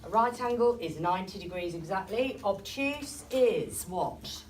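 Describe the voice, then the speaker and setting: A woman teacher runs a classroom lesson, tossing out questions and praising answers. Her voice rises and falls in lively swings. It sounds like a distant classroom recording with steady background noise. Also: medium pitch, measured pace. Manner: questioning students, encouraging.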